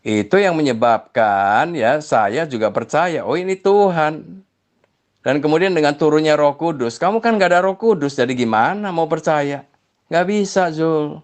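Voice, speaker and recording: A man's voice: fairly high pitch, expressive, normal speed. Chiding man explaining his faith. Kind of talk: religious debate voice notes.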